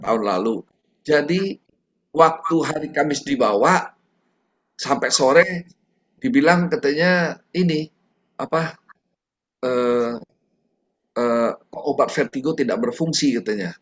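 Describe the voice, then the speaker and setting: A middle-aged man giving a personal testimony at a prayer meeting, talking in a halting, conversational way with many fillers and restarts. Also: medium pitch, highs cut off. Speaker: testimony giver.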